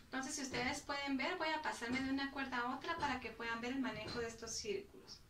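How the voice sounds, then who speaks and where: A woman's voice: high-pitched, steady tone, quick pace, background noise. A woman music teacher patiently explaining bowing technique, counting out the strokes as she goes. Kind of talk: instructional explanation. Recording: roomy, from a distance.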